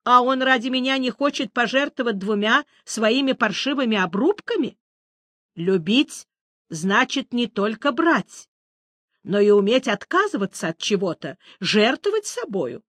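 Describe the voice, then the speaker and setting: A woman's voice: on the high side, big pitch swings, measured pace, a bit bright, dry recording, clean studio sound, full character voice. A woman voicing a capricious young female siren who squeals and complains in a singsong voice. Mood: indignant singsong.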